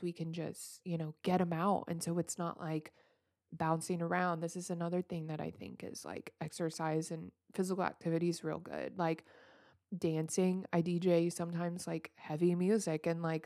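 Woman podcast host, low and even delivery, earnest reassuring self-help chat. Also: no echo, clean studio sound. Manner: loose, rambling phrasing with many restarts. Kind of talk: casual self-help talk.

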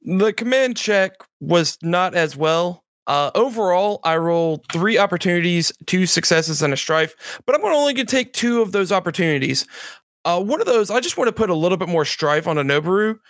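Higher-voiced man playing a tabletop game. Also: lively intonation, a little fast, fairly bright tone, no room sound, clean studio sound. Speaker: player.

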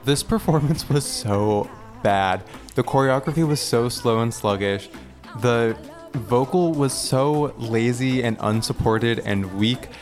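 A man's voice: mid-range voice, takes it slowly, darkish tone, soft background music. A man co-hosting a casual chat, ranting bluntly and profanely with strong opinions. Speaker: podcast co-host.

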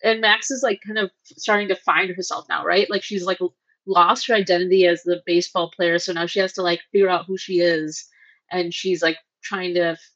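A woman's voice: lowish voice, steady tone, fairly quick, a bit bright. A woman guest co-host in casual chat, rambling and full of filler words. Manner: rambling, heavy use of like. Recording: dull lo-fi sound.

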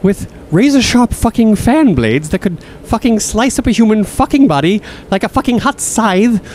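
A man's voice: big pitch swings, normal speed, warm tone. A male actor playing a bossy, foul-mouthed gang leader who is sarcastic, florid and theatrically wheedling. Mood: emphatic, sarcastic. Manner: sarcastic, florid, swearing emphatically. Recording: faint background rumble.

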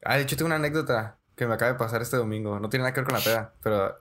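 Young man, podcast co-host, slangy, animated storytelling. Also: mid-range voice, racing, slight background noise. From Mexico. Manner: slangy, says "güey" constantly, animated storyteller. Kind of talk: casual storytelling chat.

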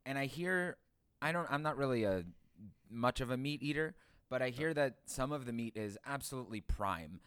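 A man co-hosting a podcast, trading puns in casual banter and delivering them deadpan. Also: medium pitch, normal speed, clean tone, no room sound, studio quality. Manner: deadpan punning. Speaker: podcast co-host and editor. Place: dining room.

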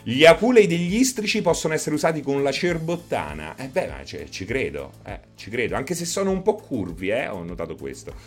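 A man chatting casually on a live stream, joking with viewers and doing squeaky animal imitations. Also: fairly quick, hardly any pauses, soft background music. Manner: animated, jokey, breaks into high squeaky fox imitations. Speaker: streamer host.

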